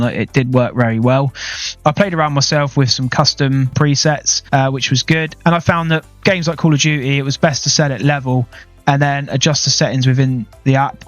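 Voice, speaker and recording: A man's voice: medium pitch, no echo, dull audio. A man casually reviewing gaming headsets, talking plainly and chattily into a headset mic at his home desk. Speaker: tech reviewer.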